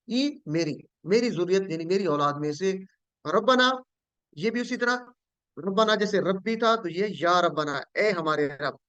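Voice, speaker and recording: Guy teaching quran arabic online, highish smooth voice, patient, asks the class questions, kinda muffled lo-fi sound. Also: a bit bright, no room sound. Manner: patient, repetitive, quizzes students.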